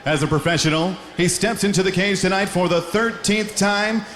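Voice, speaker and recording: A man working as a ring announcer, delivering formal fight introductions in a booming, drawn-out showman style. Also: noisy background. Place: inside a fight arena. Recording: echoey arena, music behind.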